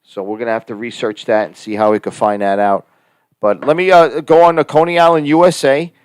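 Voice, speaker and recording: A man with a thick New Jersey Italian-American accent chats on a live stream, rambling through his stories with plenty of fillers and restarts. His voice sits at a middle pitch. The sound is dry and close, with no room echo. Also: flat delivery, fairly quick, smooth. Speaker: co-host and actor. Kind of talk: casual live-stream chat.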